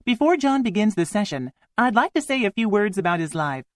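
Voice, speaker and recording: A woman's voice: medium pitch, sing-song, a little fast, no room sound, studio quality. A woman reading a scripted welcome speech as an event presenter, formal and courteous.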